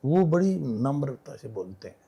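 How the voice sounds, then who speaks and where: An older man tells anecdotes in a relaxed interview. His voice is mellow and of middling pitch, and he acts out the voices of the people in his stories. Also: a little slow, gravelly, breathy edge, lo-fi sound. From Haryana, India. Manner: storytelling, acting out quoted dialogue. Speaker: guest writer. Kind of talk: casual interview chat.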